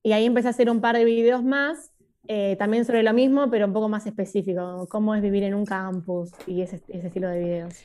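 A woman's voice: mid-range voice, steady tone, brisk, dark tone. A young woman, chatting as an interview guest in a loose, musing way full of filler phrases. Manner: musing, loose, full of "o sea" and "como que". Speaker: guest, video creator. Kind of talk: casual interview chat.

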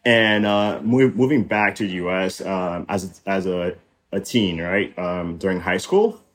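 A man's voice: low voice, measured pace. A young man who grew up in Haiti with French and Haitian Creole as his first languages, a podcast guest chatting in a reflective way with many fillers and restarts. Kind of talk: casual conversation.

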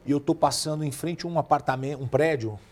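A little high and fast-talking, a man from Brazil in his forties tells casual stories as a podcast guest. He's animated and acts out the quoted voices of people in his tales.

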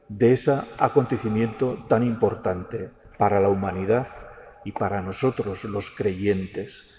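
A priest reads the gospel and preaches slowly and deliberately, drawing out key words, in a large church with a long echo. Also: male voice, medium pitch, warm tone. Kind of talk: gospel reading and homily. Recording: church with a long hall echo, dull and lo-fi, faint background hiss.

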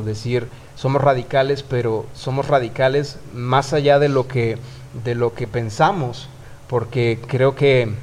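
A man's voice: mid-range voice, darkish tone, a little hiss or hum. A man with a Mexican accent talking about faith on a podcast in an earnest, reflective way, often restarting his sentences. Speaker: youth worker. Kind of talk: casual podcast conversation.

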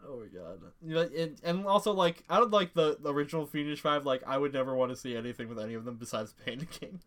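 A young man chatting casually about video games with friends. He gets excited, laughs often and swears. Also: a little high, a little hiss or hum. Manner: excitable, laughing, swearing, quick quoted bits. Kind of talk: casual gaming chat.

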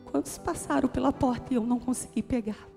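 Preaching in a church auditorium, a woman with a Brazilian Portuguese accent recounts a personal story earnestly and builds toward emphatic appeals. She talks fast in a high, creaky yet mellow voice with a steady tone, and the hall adds long reverb and faint music.

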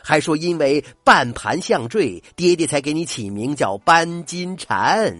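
A man's voice: on the high side, animated, unhurried, fairly bright tone, dry recording. An older man voicing an honest, flustered young tofu maker who stammers and exclaims, in a told folk tale. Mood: eager.

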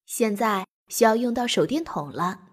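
A woman's voice: a little high, lively intonation, moderate pace. Woman doing a worried young boy. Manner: anxious, hushed.

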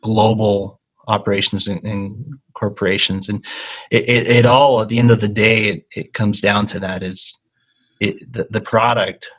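Guest: low-pitched man, husky voice, hesitant and restarting, casual interview talk. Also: steady tone, a bit bright, low-quality recording. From Argentina. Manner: halting, many ums and restarts. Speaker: guest, consulting company founder.

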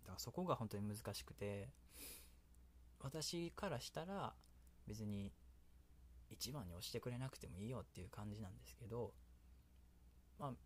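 A man's voice: on the low side, animated, moderate pace, long pauses, a little hiss or hum. A man with a Kansai accent hosting a casual solo radio talk, rambling and often laughing at himself. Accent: Kansai Japanese. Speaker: solo radio host and creator.

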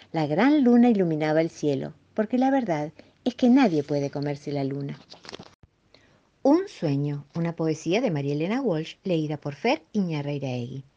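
A woman reading children's stories and poems aloud, expressive and playful. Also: sits low, dull audio. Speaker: storyteller.

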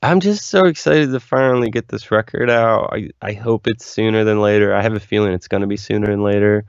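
Deep gravelly man in his forties. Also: fairly quick, no echo. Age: 40s. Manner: rambling, enthusiastic, says "like" a lot. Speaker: musician guest. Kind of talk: casual interview chat. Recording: dull, lo-fi, dry sound.

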